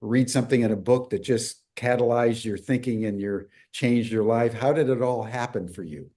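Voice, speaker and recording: Mellow-voiced male interviewer. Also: medium pitch, normal speed. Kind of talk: interview questions.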